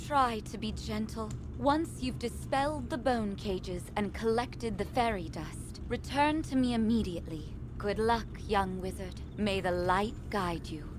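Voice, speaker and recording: A woman voicing a gentle, solemn magical mentor in a video game, with measured and earnest theatrical delivery. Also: mid-range voice, noisy background, natural voice. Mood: solemn, encouraging. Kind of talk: video game quest-giver acting. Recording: game music behind.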